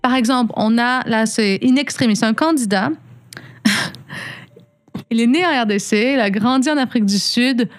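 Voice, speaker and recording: A woman with a Canadian French accent, toned toward Congolese French, talks as a guest on a radio show. Her voice sits a little high, and she speaks conversationally, with many fillers and repeated words. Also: moderate pace, pauses often. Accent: Canadian French, adapted to Congolese French. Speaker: guest, platform founder. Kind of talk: radio interview.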